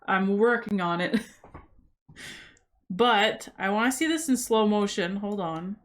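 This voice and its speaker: A woman's voice: mid-range voice, measured pace. A woman hosting a reaction video, chatting casually and skeptically about what she sees. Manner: chatty, skeptical, thinking aloud. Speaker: host reacting to paranormal clips.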